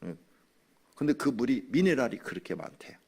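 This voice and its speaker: A man teaches scripture to his congregation in a relaxed, conversational sermon. His pitch moves around a great deal as he explains. He stops now and then to act out grumbling people. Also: moderate pace, gravelly, slightly rough. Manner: drinks water while speaking. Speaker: pastor. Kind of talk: Bible study sermon.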